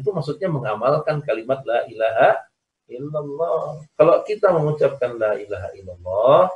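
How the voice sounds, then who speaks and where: A man's voice: on the high side, highs cut off. A man teaching an online religious lesson, explaining by repeating his points and asking his listeners to agree. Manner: explains by repetition, asks "ya kan?". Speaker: Islamic teacher. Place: recorded over a video call. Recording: echoey, distant video-call audio.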